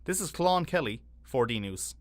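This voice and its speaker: A man's voice: mid-range voice, animated, moderate pace, no echo. A man reading scripted news narration and interview questions as a reporter.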